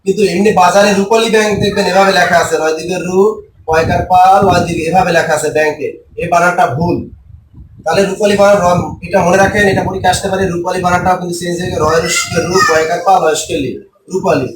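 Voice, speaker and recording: A man teaching a spelling lesson for exam takers, repeating and spelling out words slowly and asking questions he then answers himself. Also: high-pitched, steady tone, reverberant, recorded from a distance, noisy background.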